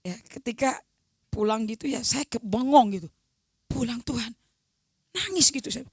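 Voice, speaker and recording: A woman evangelist, preaching a sermon with personal testimony, dropping to hushed near-whispers and rising to loud emphatic declarations as she acts out remembered conversations. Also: a little high, expressive, normal speed, breathy edge, no room sound, clean studio sound. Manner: colloquial, acts out remembered dialogue.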